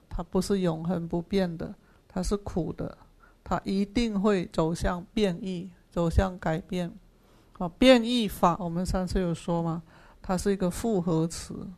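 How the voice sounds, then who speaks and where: A Buddhist sutra teacher giving a dharma class, patiently explaining Pali terms, repeating key phrases and filling pauses with drawn-out "ah"s. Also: mid-range voice. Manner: patient explaining of Pali terms, asks and answers own questions.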